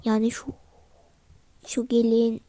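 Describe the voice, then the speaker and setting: High-voiced woman voicing toy role-play characters. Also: completely flat delivery, slow, mellow, no echo. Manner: switches between squabbling characters, often whispering.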